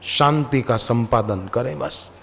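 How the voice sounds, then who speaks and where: A man's voice: mid-range voice, creaky, slight background noise. Preacher man in an echoing hall. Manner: slow, emphatic, with rhetorical questions and stories. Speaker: spiritual preacher. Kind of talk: devotional sermon.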